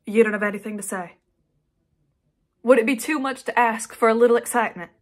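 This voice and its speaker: Woman acting Shelby, a headstrong young daughter, higher-pitched. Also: fairly even intonation, a little fast, close to an everyday voice. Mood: sarcastic. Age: young adult. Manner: emotional, insistent. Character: headstrong young daughter pleading with her mother. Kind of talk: dramatic audition monologue. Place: small indoor room, plain wall.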